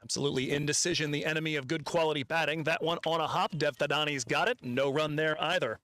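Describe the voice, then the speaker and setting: A man's voice: on the high side, steady tone, quick pace, pushed and bright. A man calling cricket play-by-play, reading out stats with frequent "uh" fillers. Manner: calls the action, quotes stats, frequent fillers. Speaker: cricket commentator. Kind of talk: live play-by-play commentary.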